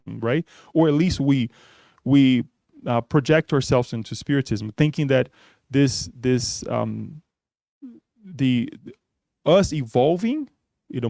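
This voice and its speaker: A man's voice: fairly high pitch, warm tone, no echo, clean studio sound. Man giving a spiritist talk. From Brazil. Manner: conversational, often adds "right?". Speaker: spiritist speaker. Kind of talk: religious talk.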